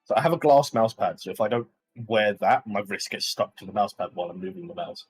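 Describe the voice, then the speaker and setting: A man's voice: lowish voice, lively intonation, fast, soft background music. A man chatting casually as a player in an online tabletop game, joking and laughing often. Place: home computer desk.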